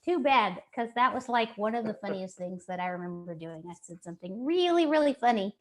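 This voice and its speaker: A woman's voice: mid-range voice, animated, a little fast, darkish tone. A woman from Texas with a Texan accent, co-hosting a casual, enthusiastic chat over a video call. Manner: chatty, enthusiastic, self-mocking. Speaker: co-host.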